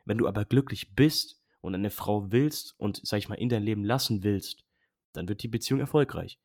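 Blunt young man with a low voice. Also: moderate pace, darkish tone, no echo, clean studio sound. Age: young adult. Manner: blunt, slangy, emphatic. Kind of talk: casual chat.

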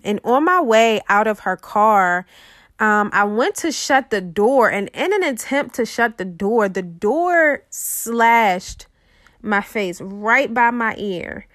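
A woman's voice: on the high side, animated, fairly bright tone, no room sound, studio quality. Earnest woman telling a confessional story. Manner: earnest, confessional, halting with many restarts. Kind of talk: personal testimony, casual storytelling.

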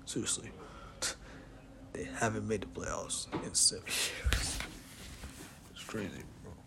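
A man's voice: lowish voice, slow pace, gravelly, in a whisper. A man hosting a casual sports talk show, rambling and repeating himself, sounding exasperated and often calling the listener "bro.". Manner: rambling, repetitive, exasperated, says "bro" a lot.

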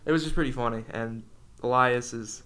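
Bright-voiced young man in casual chat. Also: mid-range voice, brisk, clear, resonant tone. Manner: rambling, enthusiastic. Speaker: podcast co-host.

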